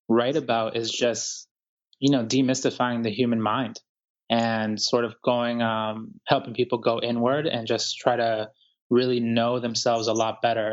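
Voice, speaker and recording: A man from Ecuador, a writer, talking calmly and thoughtfully in an interview, with many pauses and fillers. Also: mid-range voice, lo-fi sound. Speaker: guest writer. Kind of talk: reflective interview talk.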